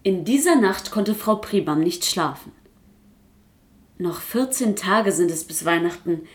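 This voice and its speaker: A woman narrating a storybook for children in an expressive reading voice. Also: lowish voice, unhurried.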